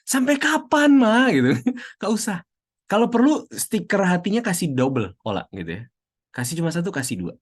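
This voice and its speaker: Chatty man with lively pitch. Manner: chatty, mixes in English phrases, acts out quotes. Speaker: speaker at an online youth session. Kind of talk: casual talk to a video call group.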